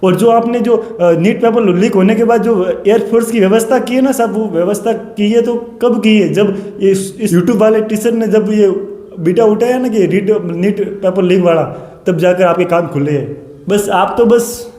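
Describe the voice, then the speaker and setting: A man's voice: high voice, normal speed, dark tone. A man, a coaching teacher, delivering an impassioned rebuttal monologue, fiery and repetitive with sarcastic direct address. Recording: echoey room with long reverb.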